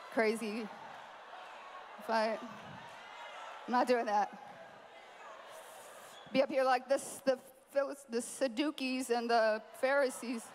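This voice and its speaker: High-voiced woman preaching in a hall. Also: a little hiss or hum. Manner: animated, playful asides to the crowd. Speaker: conference speaker. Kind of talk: sermon. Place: large conference hall.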